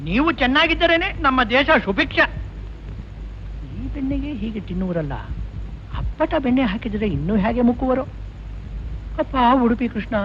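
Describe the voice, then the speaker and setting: A man's voice: very high-pitched, animated, quick pace, hardly any pauses, a little hiss or hum. An actor playing a put-upon restaurant owner who mutters sarcastic complaints under his breath, in 1980s film acting. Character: put-upon middle-aged man running a restaurant, sarcastic and grumbling. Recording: dull old film soundtrack.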